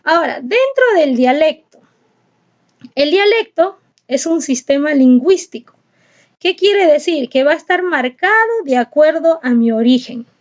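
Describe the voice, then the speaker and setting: A woman's voice: sits high, expressive, unhurried, dull audio. A woman teacher giving a recorded class lesson, explaining step by step and asking and answering her own questions.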